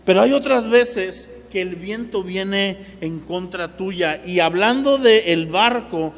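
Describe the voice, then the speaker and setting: A man's voice: sits high, takes it slowly. A man preaching a sermon as pastor, talking straight to his congregation and mixing in playful asides. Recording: long reverb of a large hall.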